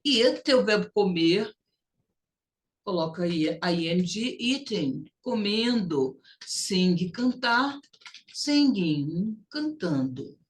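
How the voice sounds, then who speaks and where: A woman's voice: medium pitch, very animated, slow pace. A woman English teacher, leading a recorded lesson and drawing out phrases for students to repeat.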